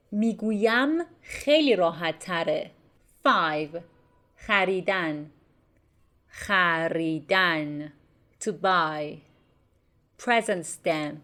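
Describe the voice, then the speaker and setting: Woman teaching grammar slowly. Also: fairly low pitch, fairly bright tone. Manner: slow, careful enunciation of example words. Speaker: language teacher. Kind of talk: bilingual grammar lesson.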